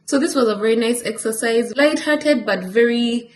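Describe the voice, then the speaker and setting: A woman's voice: on the high side, moderate pace, slight background noise. A young woman content creator talking candidly in a casual vlog, at times reading a heartfelt letter aloud.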